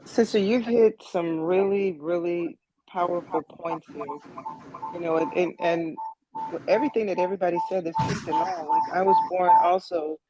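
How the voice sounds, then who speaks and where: A woman's voice: on the low side, steady tone, moderate pace, dark tone, slight background noise, low-quality recording. A woman in her sixties from the United States, giving earnest personal testimony in an online meeting and repeating words as she thinks. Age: 60s. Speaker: meeting participant.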